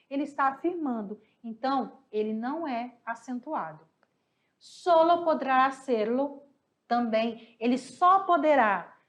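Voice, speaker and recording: A Brazilian woman teaching a class, a little hoarse, patiently asking questions and answering them herself. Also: high-pitched. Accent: Brazilian Portuguese. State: slightly hoarse, coughing. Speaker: Spanish teacher. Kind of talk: online class explaining exercises.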